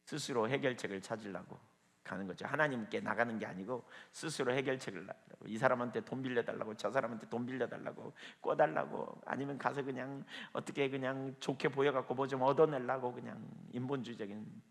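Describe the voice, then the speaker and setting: A man's voice: medium pitch, brisk, vocal fry. A male pastor delivers an evening sermon in an ordinary mid-range voice. He preaches emphatically and keeps challenging his small congregation with rhetorical questions. His voice trails into a long hall reverb. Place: church, evening prayer meeting with a small audience.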